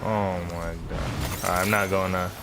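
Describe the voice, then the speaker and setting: A man's voice: deep voice, little pitch movement, normal speed, background noise. A man hosting a gaming video, giving casual, slangy commentary as he thinks aloud. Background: game music.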